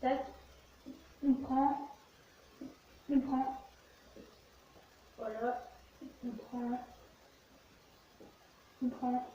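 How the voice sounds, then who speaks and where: In a very echoey, muffled, distant recording with faint noise, a woman hosting a gaming video narrates her play in short, casual fragments. Her high voice keeps a fairly even intonation, moving extremely slowly and pausing often.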